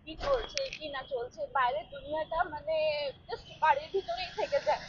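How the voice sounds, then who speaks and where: Chatty high-voiced woman vlogging from traffic. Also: animated, moderate pace. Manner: chatty, rambling with many fillers. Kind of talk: casual vlog chat. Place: in a vehicle stuck in traffic. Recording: muffled with loud traffic noise.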